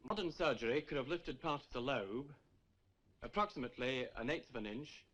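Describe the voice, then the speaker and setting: A man's voice: medium pitch, a little fast, natural voice. An actor playing a composed male medical student in a 1960s film, who speaks evenly and precisely. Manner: even and precise.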